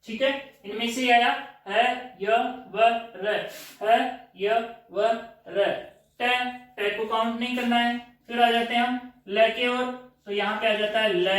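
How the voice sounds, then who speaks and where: A man teaches grammar in a slow, drilling manner, lifting his voice high as he asks questions and answers them himself. He is heard from off the mic in a very echoey room. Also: a bit bright, far from the mic. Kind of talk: classroom grammar lesson.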